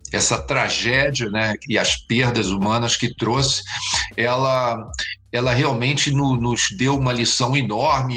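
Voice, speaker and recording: Male expert guest, bright forceful tone, halting speech with many restarts, soft music under the voice. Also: medium pitch, low-quality recording. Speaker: interview guest, urban planning expert. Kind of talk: reflective interview answers.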